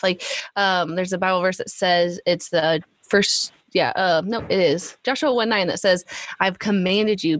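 A woman's voice: medium pitch, fairly bright tone, dry recording. A woman guest on a podcast, telling a family story in a chatty way full of likes and ums. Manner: chatty, many likes and ums, laughs often. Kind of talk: casual conversational storytelling.

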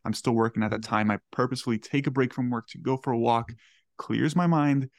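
A man in his twenties hosts a podcast interview from his home kitchen, speaking eagerly and earnestly and often repeating words. His voice is medium-pitched and a little fast, and the recording is dry.

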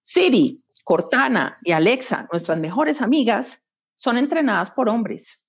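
A woman's voice: on the high side, animated, a little slow, slightly rough. A woman, an executive guest speaking emphatically in a conversational interview, making her points with anecdotes and rhetorical questions.

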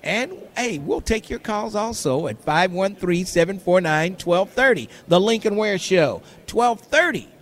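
A male radio host with a fairly high voice runs a live contest promo. He repeats his key phrases and numbers for emphasis, talking to listeners and callers as he goes. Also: expressive, unhurried, few pauses, fairly bright tone. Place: live broadcast booth at a trade show.

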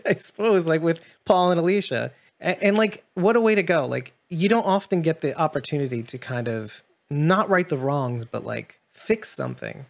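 A man's voice: fairly high pitch, gravelly. A man hosting a casual TV discussion, reflective and musing, often restarting his sentences. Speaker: podcast host.

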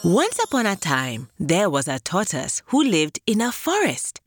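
Kids story host lady, super sing-song and playful, slow pace, bit of music behind. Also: on the low side, huge pitch swings. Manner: playful, exclaiming, addresses little listeners like a children's entertainer. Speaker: children's story show host. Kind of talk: animated children's storytelling, scripted narration.

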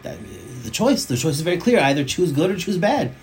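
A man giving a Torah class from his home office, talking in an animated way, restarting phrases and mixing in Hebrew terms. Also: a little high, brisk, rough recording.

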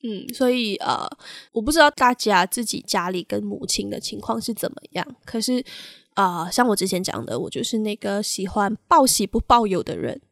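A young woman co-hosting a podcast, telling a personal story in a halting, candid way and slipping into English phrases now and then. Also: mid-range voice, lively intonation, vocal fry, fairly bright tone, dry recording, studio quality. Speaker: podcast co-host.

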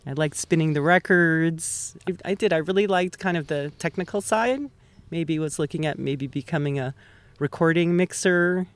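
A woman's voice: low-pitched, moderate pace. Guest: middle-aged woman from Hawaii, chatty, upbeat, recorded outdoors. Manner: chatty and upbeat, thinking aloud. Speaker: guest, town council member. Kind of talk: casual interview talk. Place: outdoors under a tree at a mountain base.

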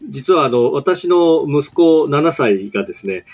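A male radio announcer joins the show from home, and his voice comes through muffled, as if heard through a wall. He sits fairly high and swings widely in pitch. His chat is relaxed, and he laughs good-naturedly as he denies the teasing. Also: unhurried. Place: at home, on a remote line.

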